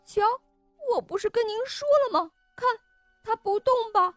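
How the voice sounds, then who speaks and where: A woman's voice: moderate pace, fairly bright tone, no echo, soft background music. A woman voicing a smug, squawking know-it-all parrot in a children's story. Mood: gloating. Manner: shrill, squawky, gloating. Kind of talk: storybook reading.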